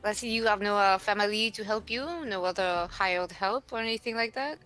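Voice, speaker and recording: A woman's voice: mid-range voice, steady tone, brisk, over music, natural voice. A woman voicing a bold adventurer with a metal arm, asking probing questions in a casual way.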